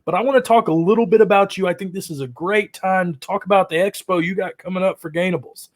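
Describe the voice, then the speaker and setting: A high, bright-pitched man hosts a fantasy football show and rattles off opinions in quick, slangy bursts. He keeps the energy up with casual banter throughout. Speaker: fantasy football podcast host. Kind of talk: casual hyped-up podcast chat.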